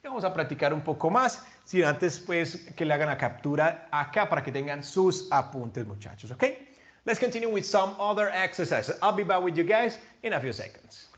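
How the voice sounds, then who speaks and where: A man with a slightly high, expressive voice teaches English grammar at a moderate pace in a recorded online lesson. He moves between Spanish and English, explains patiently, and checks in with the class often.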